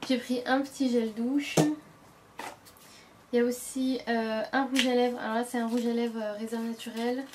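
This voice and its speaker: Young woman beauty vlogger, rambling and casual, slightly high voice, recorded at home with clear background noise. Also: level tone, normal speed. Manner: chatty, many fillers and self-corrections. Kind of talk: casual product show-and-tell.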